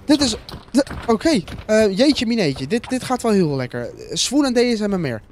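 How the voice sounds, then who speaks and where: A man commenting casually on a game with lively, exclamatory reactions. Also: sits high, normal speed.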